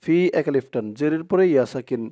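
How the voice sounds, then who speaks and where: A man teaching Quran reading, slowly reciting verses and then explaining pronunciation in quick asides. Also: a little high, dark tone. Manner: slow drawn-out recitation alternating with quick explanations. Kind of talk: recitation lesson with call-and-repeat.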